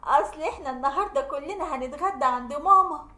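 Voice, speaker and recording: A woman's voice: sits high, fast, bright, forceful tone. A woman voicing an impatient Egyptian sister-in-law who talks curtly. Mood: dismissive. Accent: Egyptian Arabic. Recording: roomy echo.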